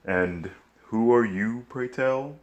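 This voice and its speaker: A man voicing a scheming, pompous male villain doctor who speaks quietly. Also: mid-range voice, slow, lo-fi sound, pitched below the performer's own voice, close to an everyday voice. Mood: smug.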